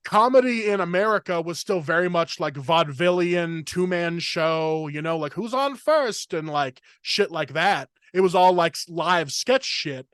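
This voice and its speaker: A man's voice: a little high, a bit bright, clean tone, dry recording. Rambling man, dry close mic. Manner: rambling, filler-heavy, fast torrent of words. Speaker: podcast host, comedian. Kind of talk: casual podcast chat.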